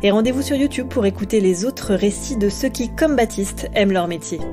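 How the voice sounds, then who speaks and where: A woman giving the scripted narration of a podcast, in a smooth, even delivery. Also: medium pitch, a little fast, music in the background.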